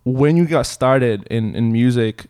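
A man hosts a podcast and chats casually with a friend. His talk is loose and full of fillers and slang. His voice sits at an ordinary middle pitch. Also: a little slow, darkish tone, clean tone. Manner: chatty, lots of "dude" and "bro". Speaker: podcast host. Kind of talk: casual interview conversation.

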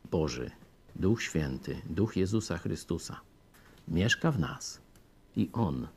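A man preaching a sermon, emphatic, swinging between raised peaks and low, hushed phrases. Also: breathy edge.

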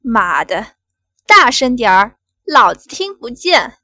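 A woman's voice: on the high side, expressive, normal speed, a bit bright, dry recording, clean studio sound. A woman reading the part of a crude, domineering middle-aged male official in an adult audio story, barking his lines.

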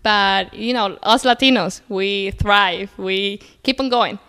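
A woman's voice: medium pitch, takes it slowly, pushed and bright, smooth. A young adult woman from Colombia, a native Spanish speaker, talking upbeat and positive as a podcast guest, with frequent fillers. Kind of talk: casual interview conversation.

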